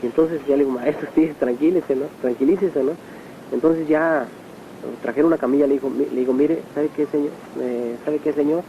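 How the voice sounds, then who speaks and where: A man's voice: fairly high pitch, steady tone, a little fast. A Mexican man with a slightly raised voice tells a personal story and acts out the lines of the people in it. The old tape sounds dull and muffled. A faint hiss runs underneath. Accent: Mexican Spanish. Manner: storytelling, acts out quoted speech. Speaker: personal assistant recounting memories. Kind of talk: personal testimony.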